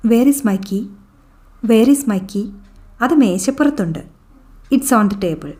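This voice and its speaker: Slow, mellow-voiced woman teaching English phrases. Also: mid-range voice, lively intonation. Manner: slow, deliberate, repeats each English sentence twice. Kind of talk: bilingual phrase drill lesson.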